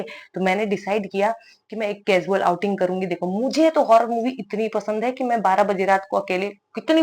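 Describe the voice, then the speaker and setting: A woman's voice: mid-range voice, a little mellow. A young woman talks through her night out in a chatty vlog voice-over. She jokes at her own expense and drops teasing asides, keeping it light and playful the whole way through. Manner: playful, self-mocking, jokey asides. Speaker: vlogger.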